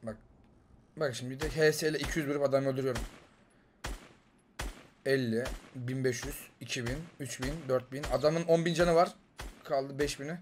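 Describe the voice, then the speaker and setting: A young man with a Turkish accent giving excited gameplay commentary, jumping between loud outbursts and muttering to himself. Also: mid-range voice, a little fast, long pauses, a little hiss or hum. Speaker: gaming YouTuber.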